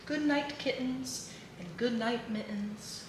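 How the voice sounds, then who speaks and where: Woman reading kids books out loud, sing-songy, kinda high voice, echoey room w noise behind. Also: slow pace. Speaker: children's book reader. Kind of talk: read-aloud storytelling for children.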